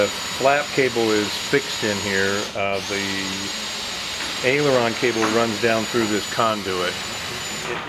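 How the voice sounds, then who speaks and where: A man's voice: lowish voice, distant mic. An older man giving a factory tour of aircraft kits in a hangar, explaining with many fillers and restarts. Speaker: aircraft kit manufacturer. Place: large aircraft workshop hangar. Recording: noisy hangar background.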